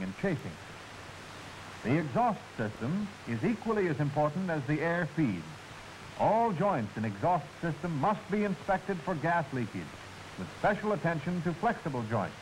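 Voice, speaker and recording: In the manner of a 1940s military film, an American man reads scripted instructional narration. His fairly high voice moves with lively intonation, and his delivery is formal and clearly enunciated. A faint hiss runs through the old soundtrack.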